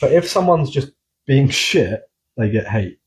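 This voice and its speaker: Husky-voiced man chatting on a podcast. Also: medium pitch, measured pace. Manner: animated, swearing storyteller. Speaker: podcast host. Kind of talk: casual podcast chat.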